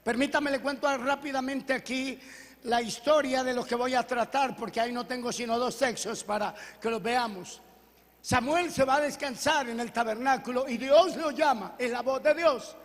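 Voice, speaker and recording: A man's voice: very high-pitched, moderate pace, big-room sound. A man preaching a sermon as pastor, reading scripture aloud and questioning his congregation. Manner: preaching with call-and-response questions and Bible reading. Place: church hall.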